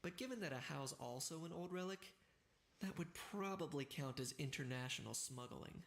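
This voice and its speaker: An actor playing an earnest, law-abiding young man in a video game, serious and deadpan. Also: a little high, normal speed, gravelly. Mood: deadpan, resigned.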